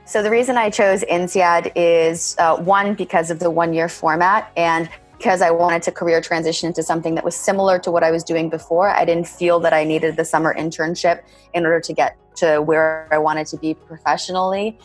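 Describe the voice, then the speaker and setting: A woman of about thirty, born in Bulgaria and raised in California, gives measured, reflective interview answers about her MBA and often says "kind of". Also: on the low side, steady tone, faint music behind.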